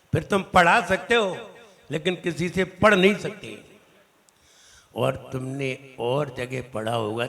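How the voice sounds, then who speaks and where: A man, a Jain monk, teaching a recitation class in a temple hall, correcting his students' pronunciation and slowly drilling each syllable. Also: on the high side, fairly bright tone. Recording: long reverberant hall.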